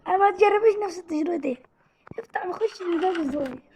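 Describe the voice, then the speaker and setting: A woman sits beside a friend playing a game and chimes in with short teasing remarks. Her voice is high and she speaks very quickly, with faint noise around her. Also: warm tone.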